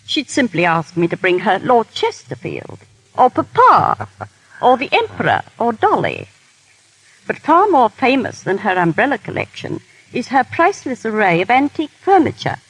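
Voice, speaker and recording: This woman, a guest technical advisor who used to dress royalty, recounts refined anecdotes in a scripted 1930s radio interview. Her fairly high voice has a breathy edge and swings hugely in pitch, at a moderate pace. It comes from a vintage broadcast with low-quality sound.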